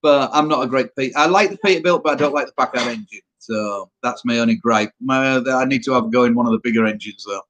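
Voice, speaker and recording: Yorkshire man, trucker host of a live Q&A, loose rambling delivery, mid-pitched everyday voice. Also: quick pace, hardly any pauses, a bit bright. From Yorkshire, England. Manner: rambling, answers viewer questions aloud. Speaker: truck driver hosting a live Q&A. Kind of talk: casual live-stream chat.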